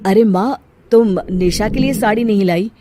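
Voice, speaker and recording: A woman voicing a mild young husband and stepson, gentle and placating, in a family drama story. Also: mid-range voice, moderate pace, natural voice. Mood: hurt, plaintive. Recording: noisy background hiss.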